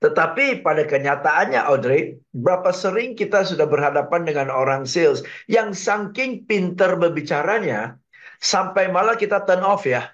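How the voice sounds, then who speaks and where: A man gives sales advice as a radio guest, energetic and fond of rhetorical checks with his listener. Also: a little high, moderate pace. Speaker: sales trainer guest on a business radio show. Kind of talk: radio talk, explaining with lively examples. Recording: dull lo-fi radio broadcast.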